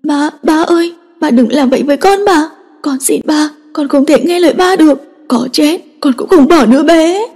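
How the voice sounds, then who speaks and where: A woman's voice: high voice, normal speed, darkish tone, pitched above the performer's own voice. A woman voicing a tearful nineteen-year-old girl, crying as she begs her father. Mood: pleading. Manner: sobbing, begging. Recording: long echoing reverb.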